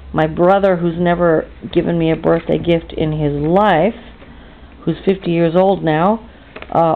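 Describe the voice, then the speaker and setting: A tired American woman in her fifties, chatting and ranting indignantly in a rambling vlog monologue. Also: on the low side. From United States. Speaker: vlogger. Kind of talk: casual monologue rant. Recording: tinny phone-like audio.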